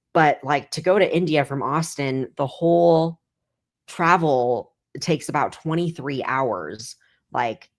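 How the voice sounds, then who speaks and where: Casual guest: thirties woman, deep for a woman, meandering chat full of fillers. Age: 30s. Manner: rambling, heavy filler "like". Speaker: guest comedian.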